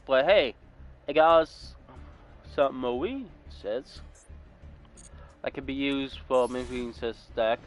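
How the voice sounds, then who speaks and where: A man in his twenties from California giving casual, rambling gameplay commentary and correcting himself as he goes. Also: mid-range voice. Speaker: gaming YouTuber.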